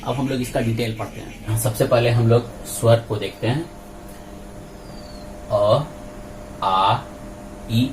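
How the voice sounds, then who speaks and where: Slow, deliberate male teacher. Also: mid-range voice, noisy background. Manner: slow, deliberate, spelling out sounds one by one. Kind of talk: grammar lesson explaining on a board.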